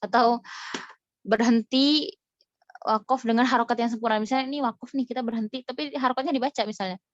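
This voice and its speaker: A woman's voice: a little high, fairly even intonation, fairly quick, no room sound, dull audio. A woman teaching an online recitation lesson in a chatty way, often demonstrating right and wrong readings.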